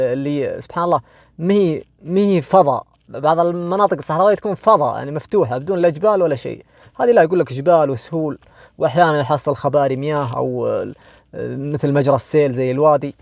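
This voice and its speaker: Saudi guy telling a scary story, gravelly voice, kinda high, dry close mic, slows down for the creepy bits. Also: darkish tone, no echo. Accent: Saudi Arabic. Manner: conversational, asks listeners "you know?", frequent restarts; swings between quick asides and slow, dramatic drawn-out phrases. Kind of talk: retelling a jinn horror story.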